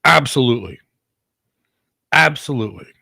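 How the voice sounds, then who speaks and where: A Greek man with an American accent hosts the show as a cloud architect, answering viewers' career questions emphatically and often repeating words for stress. His mid-range voice is animated, creaky and bright, with a forceful tone and a breathy edge, at normal speed. The studio-quality recording has no echo.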